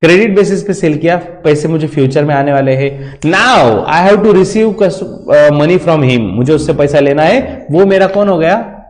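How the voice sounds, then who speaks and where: With long hall reverb in the background, a man teaches a commerce lecture recorded for students, his Indian English accent showing as he blends English terms into Hindi. His voice is a little high and darkish, his pace a little slow with hardly any pauses. He goes step by step, checking in again and again with "theek hai."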